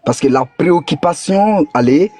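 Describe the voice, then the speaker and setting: Husky man pressing his point in debate. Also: a little high, lively intonation, normal speed, warm tone, soft background music. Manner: insistent, pressing questions. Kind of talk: religious debate, reading scripture aloud.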